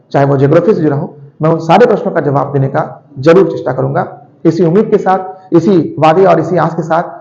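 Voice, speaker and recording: A male teacher explaining a lesson quickly, often correcting himself and repeating his points. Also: fairly high pitch, gravelly, a little mellow. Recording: echoey room, dull lo-fi sound.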